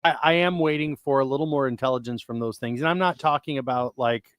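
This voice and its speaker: A man co-hosting a podcast, chatting casually and rambling with frequent restarts as he talks excitedly about sci-fi technology. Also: medium pitch, fast talker, smooth, no echo. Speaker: podcast co-host. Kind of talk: casual chat.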